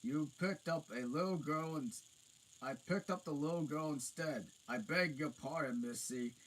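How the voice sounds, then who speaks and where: A man voicing a huge, clumsy, good-natured male giant with loud, rustic speech. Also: on the high side, unhurried, voice pushed up, poor audio. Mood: booming.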